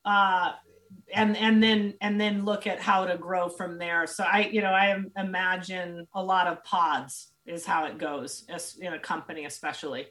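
A woman's voice: fairly low pitch, steady tone, moderate pace, fairly bright tone. A woman consultant answering interview questions in an earnest, thinking-aloud way, full of fillers and restarts, while she is losing her voice. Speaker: leadership and team consultant, guest.

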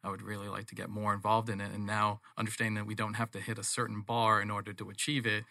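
A man's voice: on the low side, monotone, fast, vocal fry, sharp tone, dry recording, studio quality. A man with a North American accent speaking earnestly and at length as a business-owner guest in a conversational interview. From England, later Toronto, Canada.

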